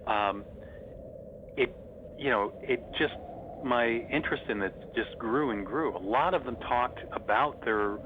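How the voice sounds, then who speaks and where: A man's voice: mid-range voice, a little slow, narrow, tinny audio. Middle aged guy in an interview telling stories like a big fan, thin phone sound, pretty noisy. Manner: enthusiastic fan's reminiscing. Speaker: interview guest, horror host. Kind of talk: casual interview storytelling.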